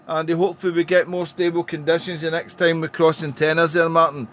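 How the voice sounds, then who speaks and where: A fast-talking man on the high side, a bit bright with a flat delivery, operates amateur radio, calling out phonetic call signs and chatting in a friendly way. His casual contact calls are backed by clear radio noise.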